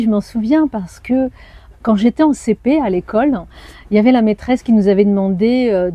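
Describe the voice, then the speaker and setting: A French journalist and anthropologist in her forties, whose first language is Arabic, recounts her life story in a personal interview, pausing thoughtfully and hesitating at times. Her mid-range voice is mellow, and the audio is dull with no echo.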